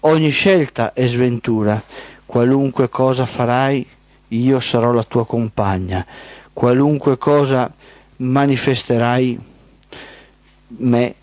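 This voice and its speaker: A man voicing Misfortune, a female spirit and daughter of Night, speaking gravely and fatalistically. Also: mid-range voice, slow pace, pauses often, a little mellow, no echo, close to an everyday voice. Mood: fatalistic. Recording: dull, dry lo-fi.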